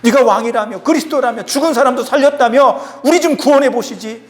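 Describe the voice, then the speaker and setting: A man's voice: very high-pitched, brisk. A man voicing a violent male criminal dying on a cross, mocking and taunting. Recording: long hall reverb.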